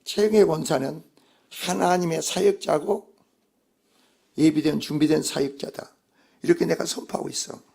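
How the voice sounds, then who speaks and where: A man's voice: fairly high pitch, steady tone, moderate pace, vocal fry, long pauses, darkish tone, slightly rough. A male pastor delivering a Sunday sermon, emphatic and putting rhetorical questions to the congregation.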